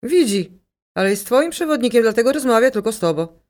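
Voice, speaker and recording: A woman voicing a calm, commanding female psychic medium with a Ukrainian accent, speaking slowly and insistently. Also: a little high, natural voice. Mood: guiding. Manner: slow, insistent, instructing. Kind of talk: audiobook character reading.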